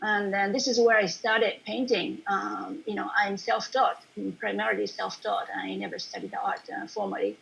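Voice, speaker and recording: A woman from Japan, a painter, giving a casual online presentation over a video call, talking in a chatty way with many fillers and soft laughs. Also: medium pitch, level tone, moderate pace, creaky, hardly any pauses, slight background noise, poor audio. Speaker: watercolour painter presenting her work.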